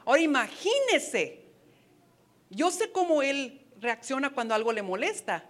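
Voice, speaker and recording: A woman's voice: high-pitched, very animated, a little slow. A woman preaching a sermon to wives, earnest and advising, with playful asides. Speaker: women's ministry speaker.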